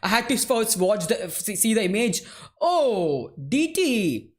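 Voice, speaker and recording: A man hosts a live football watchalong. He calls the play in a relaxed, chatty way, and his talk is full of "bro" and "man". He answers his viewers with an easy laugh. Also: high voice, slow. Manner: laughs easily while answering chat. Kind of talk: live match commentary and chat replies.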